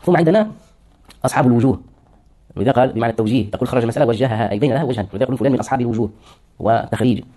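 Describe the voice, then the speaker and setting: A man's voice: mid-range voice, very fast, mellow. A man lecturing on hadith terminology, explaining words one by one and answering his own questions. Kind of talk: classroom lecture.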